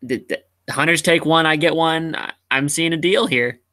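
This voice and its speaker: A man playing a tabletop game makes dry, wry remarks to the table. His voice is bright and sharp, and a little higher than most men's. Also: normal speed. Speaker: player. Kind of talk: casual chat at a tabletop game.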